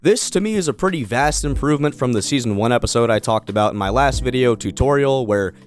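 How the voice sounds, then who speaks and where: A man's voice: mid-range voice, expressive, quick pace, over music. A young man giving casual, comedic review commentary with sweary, exasperated sarcasm. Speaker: video reviewer.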